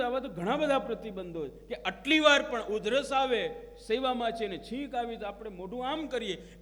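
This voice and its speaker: A man's voice: high voice, fairly bright tone, a little hiss or hum. A man giving a devotional discourse, telling stories and acting out quoted prayers and dialogue. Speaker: religious preacher. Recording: long hall reverb.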